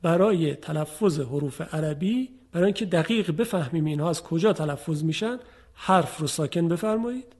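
A man's voice: a little high, a little mellow. A man teaching Quran recitation on a radio program, explaining patiently and speaking directly to his listeners. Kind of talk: radio lesson on tajwid.

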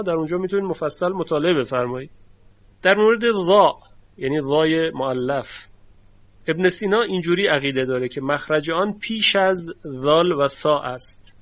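A man delivers a formal lecture on recitation phonetics, pausing to demonstrate sounds aloud. His voice sits a little high for a man. The recording is dry and slightly dull, lo-fi. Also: no echo. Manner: formal, courteous teaching register. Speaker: teacher of Quranic recitation phonetics.

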